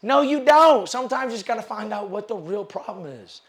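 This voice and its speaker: A man's voice: animated, brisk. A man giving a motivational sales seminar speech in a hall, preaching and calling out to the audience. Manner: high-energy, preachy, calls out to the audience. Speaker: sales speaker.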